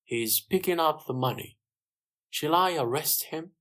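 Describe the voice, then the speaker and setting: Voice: medium pitch, unhurried, a bit bright, pitched above the performer's own voice, natural voice. A narrator voicing Jim, an eager police officer, in a slightly raised voice. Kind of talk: graded-reader story voice.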